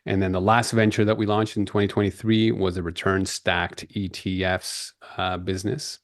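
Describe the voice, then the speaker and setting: Deep-voiced man telling his story. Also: little pitch movement, dry recording, clean studio sound. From Peru. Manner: measured, explanatory storytelling. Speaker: guest. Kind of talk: podcast interview.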